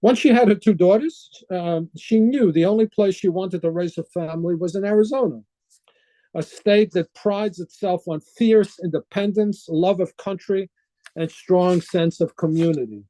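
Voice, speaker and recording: Host reading an introduction in a dry, mellow voice. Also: medium pitch, normal speed, dry recording, rough recording.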